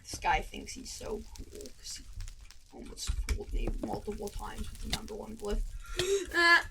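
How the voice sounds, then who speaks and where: With a medium-pitched, creaky voice and lively intonation, a woman speaks a little slowly as she games. She tells a rambling story and keeps breaking off to react to the game. Recorded on a desk microphone at her computer, the clip has background noise and keyboard and mouse clicks throughout.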